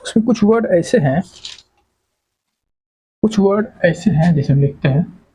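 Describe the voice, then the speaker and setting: A man's voice: high-pitched, lively intonation, unhurried, dark tone, slightly rough, low-quality recording. A man teaching English grammar to exam students, repeating words and quizzing the class with questions. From India. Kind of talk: classroom lecture.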